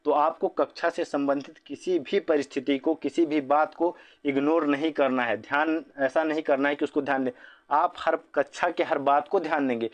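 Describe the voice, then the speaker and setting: A man's voice: fairly high pitch, fairly even intonation, normal speed. A man teaching an exam-prep lesson on language teaching, explaining each answer option and often checking in with "ठीक है". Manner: explanatory, repeats points with "ठीक है".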